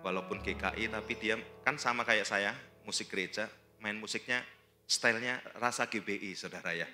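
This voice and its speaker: A male pastor preaching a sermon with a personal testimony, often calling the congregation "saudara" and rising from quiet storytelling to loud, fervent preaching. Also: lowish voice, a little fast, soft background music.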